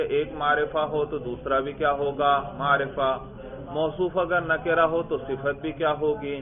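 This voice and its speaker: A man teaching a grammar class who questions his students, repeats their answers and praises them. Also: a little high. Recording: tinny phone-like classroom recording.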